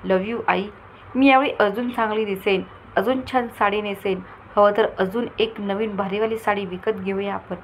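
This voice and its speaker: Rohini is a cheeky, impulsive young woman, wheedling and teasing as she talks, as a woman storyteller gives her a voice. Her pitch sits in the middle. There is a faint bit of noise behind her. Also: moderate pace, close to an everyday voice, low-quality recording. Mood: eager. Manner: lively, pleading, teasing.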